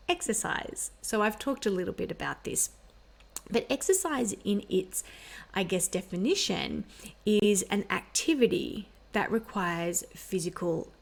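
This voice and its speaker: A woman in her thirties hosting a wellness talk, speaking in a gentle, upbeat, conversational way. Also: medium pitch. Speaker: podcast host.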